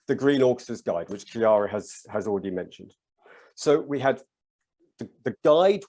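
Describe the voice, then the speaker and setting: A man's voice: medium pitch, a little mellow. A British man speaking on a conference panel as the leader of an orchestra association, telling stories in a chatty way with frequent ums and restarts. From United Kingdom.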